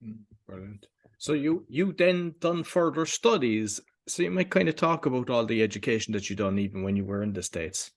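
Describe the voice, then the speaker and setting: A man's voice: medium pitch, animated, moderate pace. A man with an Irish accent hosting a casual interview, putting informal, meandering questions to a guest. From Ireland. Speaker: podcast host, interviewer.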